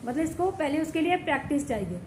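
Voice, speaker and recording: A woman's voice: high-pitched, sing-song, fast, darkish tone, echoey room, a little hiss or hum, low-quality recording. A woman vlogging at home while sick with a fever, complaining at length and often checking in with viewers. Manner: complaining, repeats herself, keeps asking "ठीक है?". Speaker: village vlogger. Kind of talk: casual vlog talk to camera. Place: home indoors.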